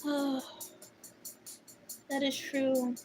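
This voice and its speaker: A woman with a bright, high voice talks in a slow, unhurried drawl. She teases and giggles, often repeating words as she stumbles through her thoughts. Music plays clearly in the background. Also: little pitch movement, rough recording. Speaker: artist streaming a drawing session. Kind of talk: casual chat while drawing.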